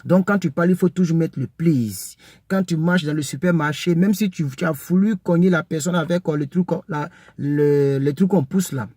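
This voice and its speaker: A man's voice: on the high side, darkish tone, dry recording. A man runs a casual vocabulary lesson, drilling each word again and again in a somewhat raised voice. He wanders into chatty asides full of hesitations. The sound is dry and close. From French-speaking country. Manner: repeats words slowly, drills pronunciation. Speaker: English teacher for French speakers.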